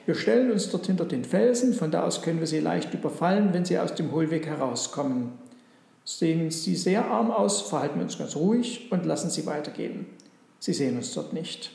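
A man's voice: fairly high pitch, expressive, a little fast, vocal fry, a little mellow. A man voicing the eldest of three poor robbers, commanding and plotting, in a storybook reading. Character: scheming older male robber, leader of three. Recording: roomy echo.

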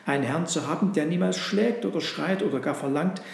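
Humble kind little donkey for a storybook reading, voiced by a man, earnest and eager, high-ish, roomy echo. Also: fairly quick, gravelly.

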